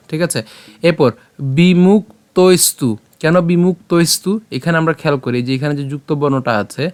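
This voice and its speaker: A man with a Bengali accent teaching the pronunciation of a chanted verse, breaking it into syllables and saying them slowly. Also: fairly high pitch, clean tone. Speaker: Sanskrit recitation teacher. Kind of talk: step-by-step pronunciation lesson.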